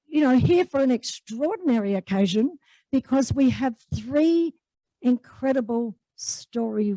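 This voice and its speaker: A woman's voice: a little high, dark tone, no echo, low-quality recording. A woman with an Australian accent hosting an evening event in a large room, speaking enthusiastically with many fillers. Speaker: host and executive officer.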